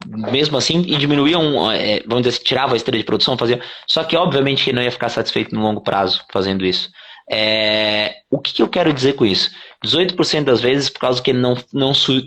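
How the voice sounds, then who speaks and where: Fast-talking Brazilian CEO, salty and animated. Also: male voice, mid-range voice. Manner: fast, animated explaining with swearing and acted-out quotes. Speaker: CEO and interview guest. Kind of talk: casual interview talk.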